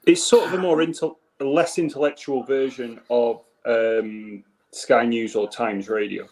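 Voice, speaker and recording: A man's voice: medium pitch, fairly even intonation, a little slow, a little mellow. A man who works as a teacher, giving blunt, matter-of-fact opinions in a casual podcast chat.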